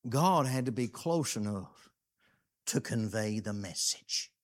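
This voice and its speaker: A man preaching a folksy, plainspoken sermon, reading scripture aloud and stressing words with drawn-out emphasis. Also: lowish voice, lively intonation.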